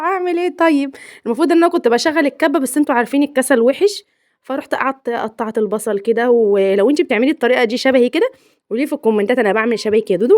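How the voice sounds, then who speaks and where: Brief: young Egyptian woman, home vlogger, rapid chatty delivery, dry close mic. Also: fairly high pitch, no echo. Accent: Egyptian Arabic. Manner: chatty and playful, laughs often. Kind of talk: chatty home vlog voice-over.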